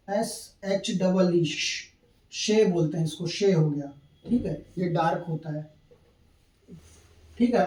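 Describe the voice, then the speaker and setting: Male teacher, high-pitched, patient step-by-step lesson, roomy echo. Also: warm tone. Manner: patient, repeats steps, keeps checking in with "thik hai". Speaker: shorthand teacher. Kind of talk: classroom lesson at a board. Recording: echoey room, mic at a distance.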